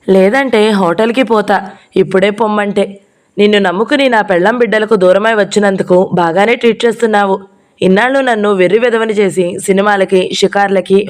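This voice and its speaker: A woman's voice: mid-range voice, natural voice. A woman voicing a middle-aged married man who left his wife, speaking in bitter, sulking complaints. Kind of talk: audiobook character reading.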